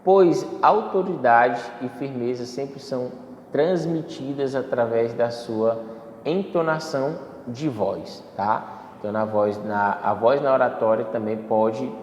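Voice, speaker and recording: A man's voice: medium pitch, takes it slowly, a little mellow, muffled recording. Man, lecture on public speaking, explanatory, self-correcting, roomy echoing hall, faint background hum. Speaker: instructor. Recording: echoey hall, faint ambience.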